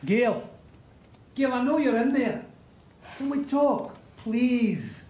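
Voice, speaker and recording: A man's voice: very high-pitched, expressive, takes it slowly, mellow, echoey room, slight background noise, heavily acted. An actor playing a man who calls through a front-door letterbox, pleading with his ex to let him in. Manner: pleading, calling out. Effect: heard through a front-door letterbox. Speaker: ex-partner calling through the door.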